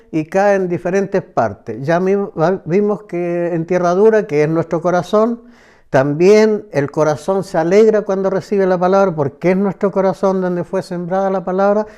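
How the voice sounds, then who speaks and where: A man teaching a Bible passage verse by verse, slow and emphatic, often repeating words for stress. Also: high voice, mellow, clear, resonant tone. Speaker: preacher.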